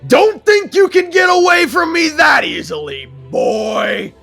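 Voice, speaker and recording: A man voicing a sadistic, hulking male monster who shouts drawn-out, mocking taunts. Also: sits high, very animated, vocal fry, soft background music, pitched above the performer's own voice, heavily acted.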